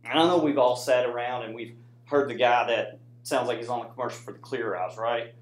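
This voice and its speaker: A student presenter who is also a soldier gives an informal classroom presentation with slides to an audience indoors, speaking conversationally in an American accent. He checks in with listeners often with "right?" tags, in a medium-pitched, fairly quick voice, and the room is echoey.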